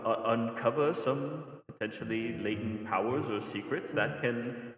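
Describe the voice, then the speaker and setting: A man role-playing at a tabletop game, speaking in a hesitant, halting way. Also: medium pitch. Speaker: tabletop game player or game master. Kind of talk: in-character tabletop role-play chat. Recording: roomy long reverb, distant mic, music underneath.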